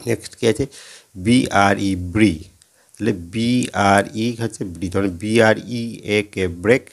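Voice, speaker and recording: A man's voice: on the low side, fairly even intonation, moderate pace. A man teaching a lesson, patiently spelling out letters and often checking in with his listeners. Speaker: English teacher. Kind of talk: explanatory lesson.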